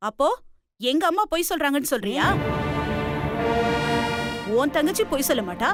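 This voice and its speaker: An actress playing a sharp-tongued grown daughter in a TV serial who retorts in her mother's defense. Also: sits high, animated, moderate pace. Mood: challenging. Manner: challenging, retorting. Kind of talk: TV serial acting. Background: music.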